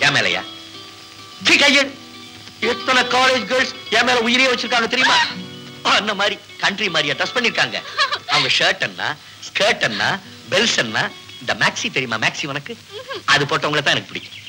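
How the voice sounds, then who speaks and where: Young officer, swooping pitch, slightly high, loud film music under him. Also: male voice, very animated, quick pace, low-quality recording. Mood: flustered. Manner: earnest, then flustered exclamations. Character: earnest young officer, flustered by a girl. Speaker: government officer, elder son. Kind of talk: 1970s Tamil film acting.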